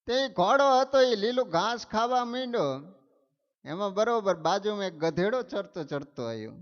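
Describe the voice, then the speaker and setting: A male preacher tells a story in his sermon. He speaks in an animated way, with dramatic emphasis. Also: high voice, normal speed. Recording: dull sound, long hall reverb.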